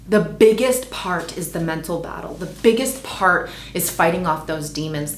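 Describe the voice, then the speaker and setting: Slow-talking determined woman in her forties. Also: mid-range voice. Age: 40s. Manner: determined, earnest, searching. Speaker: vlogger. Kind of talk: reflective personal vlog. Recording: echoey room.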